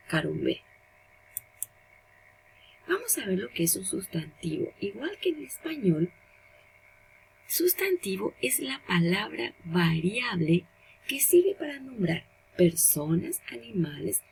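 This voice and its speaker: A woman's voice: mid-range voice, vocal fry, a little mellow, a little hiss or hum, poor audio. A woman teacher, giving a recorded language lesson and patiently explaining step by step while repeating the example words.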